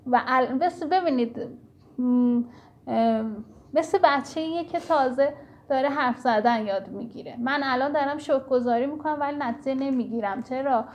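A woman's voice: high voice, darkish tone. A woman giving an earnest spiritual teaching talk, speaking directly to her listeners in an instructive way.

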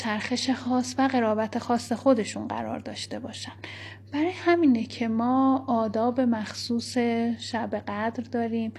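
A woman giving a reflective spiritual talk, speaking softly and slowly, sometimes dropping into a whisper and reciting scripture verses. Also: fairly high pitch, slight background noise. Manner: soft, slow, at times whispered delivery. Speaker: spiritual teacher.

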